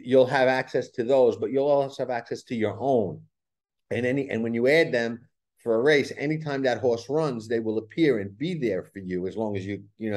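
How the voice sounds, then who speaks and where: A man's voice: lowish voice, darkish tone. A man with a Brooklyn New York accent, speaking as a guest in a conversational podcast interview, often repeating words as he explains. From New York, USA. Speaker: horse racing handicapper, interview guest.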